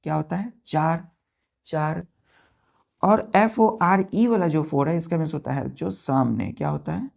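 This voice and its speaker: Low gravelly woman teaching slowly. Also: a little mellow. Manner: spells words letter by letter, repeats answers; asks the class questions and answers them herself. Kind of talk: classroom vocabulary lesson.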